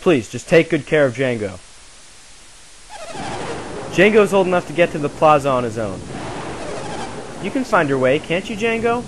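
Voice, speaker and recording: A man's voice: fairly high pitch, big pitch swings, moderate pace, pauses often. A man reading the lines of protective village parents in an urgent, instructing tone, in a hissy home recording.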